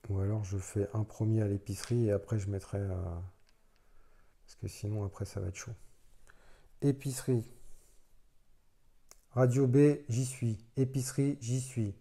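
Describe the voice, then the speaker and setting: Dark-voiced man thinking aloud over a board game. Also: lowish voice, level tone, moderate pace, long pauses. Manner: thinking aloud while playing; self-deprecating. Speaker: board game player explaining rules. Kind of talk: casual solo board game playthrough.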